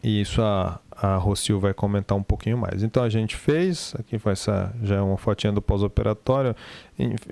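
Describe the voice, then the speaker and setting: A man's voice: on the low side, a little mellow, smooth, no room sound. A man with a Brazilian accent giving an informal surgical case presentation, conversational and explanatory, often rephrasing himself.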